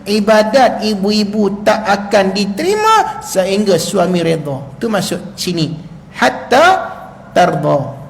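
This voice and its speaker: A Malaysian Malay man giving a mosque lecture as a religious teacher, lively and joking, acting out quarrels between husband and wife. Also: high-pitched, takes it slowly, vocal fry, slight background noise. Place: prayer hall. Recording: echoey hall recording.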